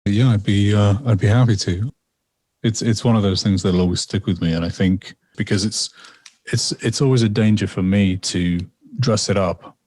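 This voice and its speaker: Telling a personal story as a guest on a casual podcast, an English man rambles reflectively, repeating himself and using many fillers. His voice is on the low side and darkish in tone. He speaks at a moderate pace, with no echo.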